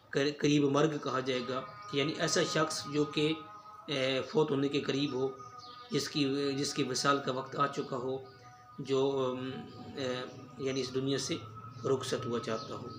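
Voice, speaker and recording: Measured male Urdu teacher, echoey room. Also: a little high. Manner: measured, explanatory, with frequent hesitation fillers. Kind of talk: spoken lesson on word pronunciation. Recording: echoey room with faint ambient noise.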